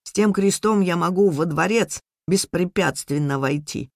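A woman reading a story, voicing a dying old male soldier who boasts and barks commands in a lowered, gravelly voice. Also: normal speed, dry recording, clean studio sound, natural voice. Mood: boastful. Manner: loud barked commands.

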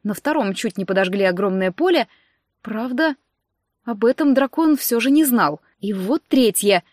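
A woman narrating a fantasy audiobook in the first person, in a steady, expressive storytelling manner, on a close microphone. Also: fairly high pitch, normal speed, no echo.

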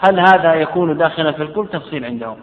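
A man teaching Quran readings in a lecture, repeating his phrases and reciting the quoted verses slowly and carefully. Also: fairly high pitch, expressive. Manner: repeats phrases, restarts and self-corrects while explaining. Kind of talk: classroom lecture explaining a text. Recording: tinny, echoey lecture hall recording.

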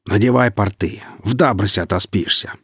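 A man reading the part of a boastful, grim northern warrior who speaks in an unhurried, mocking way. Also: on the low side, fairly bright tone, breathy edge, dry recording, studio quality.

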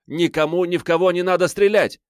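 A man's voice: mid-range voice, lively intonation, moderate pace, no room sound, studio quality, voice pushed up, close to an everyday voice. A man voicing an agitated young man who pleads and waves his arms in an audiobook. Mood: pleading. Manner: shouting, pleading.

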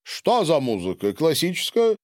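A male narrator voicing a self-assured male doctor who questions patients briskly in an audiobook. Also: on the high side, wildly swooping pitch, darkish tone, no room sound, clean studio sound, voice pushed up. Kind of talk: audiobook character voice.

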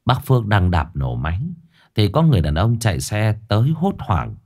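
A man narrating an audio story in a dramatic, lively way. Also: on the low side, normal speed.

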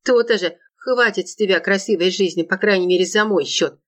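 A harsh middle-aged widow who snaps every line with open contempt, as a woman reader puts her on. Curt and cutting, in an audiobook reading with a middle-pitched voice. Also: a little fast, lightly acted. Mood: spiteful. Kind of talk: audiobook narration.

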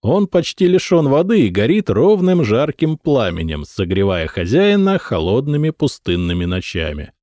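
A man narrating a historical audiobook in a measured, expressive reading. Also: mid-range voice, no echo, studio quality. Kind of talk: scripted narration.

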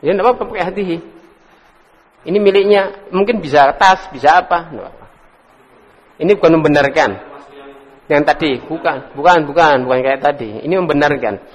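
In an echoey hall, a male Arabic teacher with a voice on the high side drills words briskly, pausing often. He calls on students by name, chuckles and keeps things casual, though the audio sounds dull.

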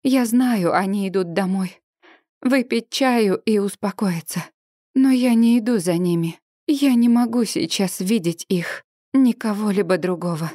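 A woman reading a first-person novel aloud with expressive, emotive delivery. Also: mid-range voice, unhurried, no echo, studio quality. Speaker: audiobook narrator.

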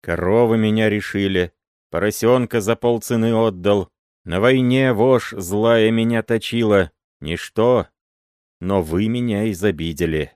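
A man's voice: lowish voice, a little slow, darkish tone, no room sound, clean studio sound, pitched above the performer's own voice, lightly acted. A man doing a wailing old man. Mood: gruff. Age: older. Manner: wailing oaths, then gruff threats. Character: old working man, wailing, pleading innocence.

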